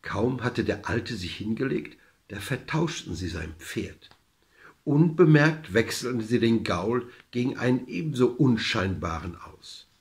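A man reading a fairy tale aloud in an expressive, lively storytelling manner. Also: medium pitch, unhurried.

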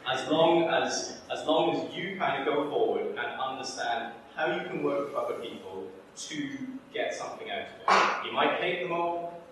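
An Edinburgh man, director of an institute, opens a workshop with a chatty, wry, self-deprecating talk full of ums, his medium-pitched voice lively in intonation at normal speed. He's in a large lecture room with a projector, and the recording is very echoey, with his voice far off and faint noise.

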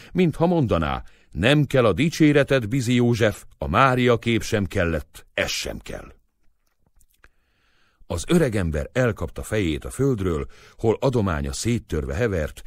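A man's voice: on the low side, dry recording. A man narrating a classic story as an audiobook, reading expressively and raising his voice for the dialogue. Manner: expressive, acts out dialogue with raised voice. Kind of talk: scripted literary narration.

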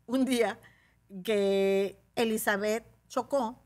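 A middle-aged woman with a Mexican accent, a talk show guest telling an anecdote in a lively, animated way and acting out the voices of the people in it. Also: a little high, slow. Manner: animated, acts out other people's voices in quotes. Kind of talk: casual storytelling on a talk show.

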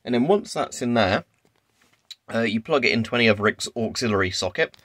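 Animated and a little fast, a man with a mid-range, slightly bright voice and no echo improvises casual commentary while demoing a gadget on camera. He's a gadget video creator in a small carpeted room at home, with Geiger counter clicks and crackle clearly heard in the background.

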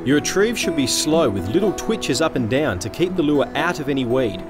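An Australian man narrates a fishing show in scripted voice-over. His delivery is lively and swings up and down in pitch. Loud plucked guitar music plays under him. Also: fairly quick.

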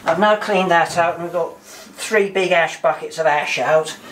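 A man's voice: fairly high pitch, a little slow, a bit bright. An older man, a volunteer boat engineer, explaining in a practical, chatty way as he works. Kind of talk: explaining while working. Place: engine room of a steam tug, indoors. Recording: noisy engine room recording.

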